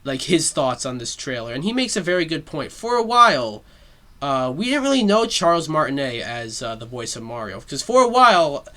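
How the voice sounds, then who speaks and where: Man, casual commentary host, rambling, swearing, lively swooping intonation, bright tone. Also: a little high. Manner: rambling, swears often, lots of fillers. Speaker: solo talk show host. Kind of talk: casual pop-culture commentary.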